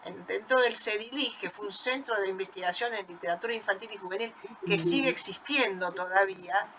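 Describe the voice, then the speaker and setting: A woman's voice: mid-range voice, brisk, background noise. An older woman with an Argentine accent, coordinating a reading workshop and sharing admiring memories with many restarts. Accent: Argentine Spanish. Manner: warm admiring, with frequent restarts. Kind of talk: informal remarks in an online workshop.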